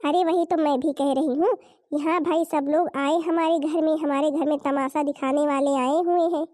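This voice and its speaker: Woman voicing a grumbly young bahu in a cartoon, indignant, high pitched. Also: fairly even intonation, moderate pace, dark tone, no room sound, clean studio sound, natural voice. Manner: complaining, indignant. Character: grumbling young daughter-in-law, resentful.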